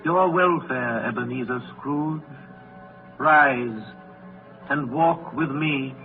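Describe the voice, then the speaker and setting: An actor playing a solemn, commanding, ageless spirit, speaking in a stately, measured way in a 1930s radio drama. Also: male voice, mid-range voice, narrow, tinny audio, close to an everyday voice. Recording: thin 1930s radio broadcast, music behind.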